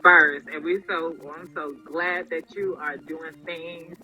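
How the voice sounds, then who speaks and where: A man hosting a casual interview, praising his guest warmly and encouragingly with lots of fillers. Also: on the high side, fairly even intonation, slow, soft background music, rough recording. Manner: encouraging and effusive, many fillers. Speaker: host.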